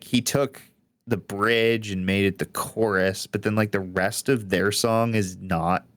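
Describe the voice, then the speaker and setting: Young male podcast co-host, very low voice, loose rambling delivery, dry sound. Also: no room sound. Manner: rambling, heavy use of "like", frequent laughs. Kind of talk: casual music podcast chat.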